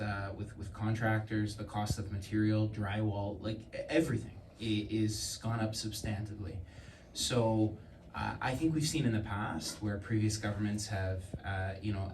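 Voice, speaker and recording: Male politician, low register, earnest and stop-start, fielding a question in a reverberant room. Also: darkish tone. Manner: halting, repeating words as he argues earnestly. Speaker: provincial government politician. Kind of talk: answering a question at a public announcement. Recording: echoey room, distant mic, faint noise.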